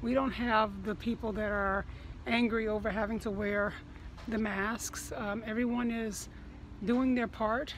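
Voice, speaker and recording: A woman's voice: a little high, steady tone, measured pace, a little hiss or hum. A woman vlogging casually, her speech slightly muffled through a face mask, recorded on a handheld phone. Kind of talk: casual vlog chat. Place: outside shops and inside a fabric store. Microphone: phone at arm's length.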